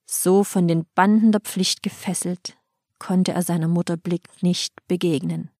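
A woman narrating an old epic as an audiobook in a solemn, measured storytelling manner. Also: lowish voice, steady tone, darkish tone, no room sound, studio quality.

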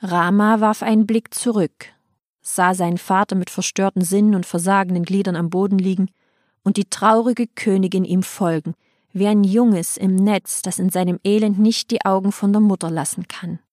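A woman's voice: mid-range voice, steady tone, darkish tone, dry recording, studio quality. Solemn woman reading an epic aloud. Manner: solemn, measured storytelling. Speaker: narrator.

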